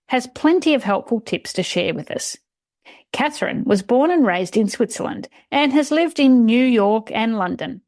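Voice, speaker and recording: A woman's voice: a little high, darkish tone, dry recording, studio quality. A woman hosting a travel podcast, reading a scripted intro and then chatting politely and encouragingly with her guest. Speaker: podcast host.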